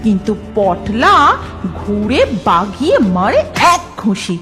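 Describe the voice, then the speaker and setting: A woman's voice: medium pitch, big pitch swings, slow pace. A woman narrating a scripted story as the storyteller. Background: music.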